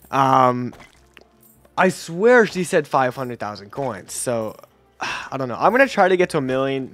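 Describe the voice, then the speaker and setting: A young man giving casual gameplay commentary, chatty and quick to laugh, often trailing off quietly at the ends of sentences. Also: mid-range voice. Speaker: gaming YouTuber.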